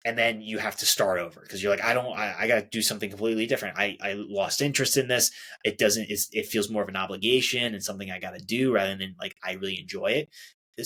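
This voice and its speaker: A man's voice: fairly low pitch, fairly bright tone. A young adult man hosting a solo self-help podcast, talking casually, restarting phrases and acting out quoted reactions. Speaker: podcast host.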